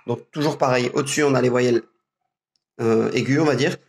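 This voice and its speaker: A man's voice: medium pitch, brisk. A man giving a casual pronunciation lesson, explaining patiently with hesitations and repeated example sounds. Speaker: Arabic pronunciation teacher.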